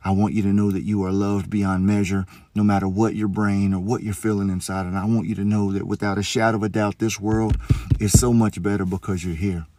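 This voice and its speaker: A man speaks earnestly and gently, his voice sitting a little low. He tells a heartfelt story straight to the listener, often dropping softer to quote others. The sound is close and dry, with no room around it. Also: no echo. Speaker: storyteller vlogger.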